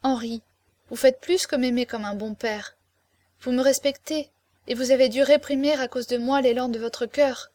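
A woman's voice: high voice, steady tone, normal speed, darkish tone, dry recording, close to an everyday voice. A woman voicing a tender, pleading young woman in an audiobook, speaking with emotion and imploring tearfulness. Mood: wistful. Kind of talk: audiobook character reading.

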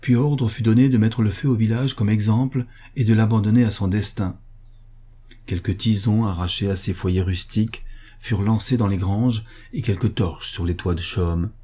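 A man reading a story aloud as an audiobook, grave and measured. His voice is low and dark, with a husky, breathy grain. He keeps an even, serious delivery. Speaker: narrator. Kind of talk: audiobook narration.

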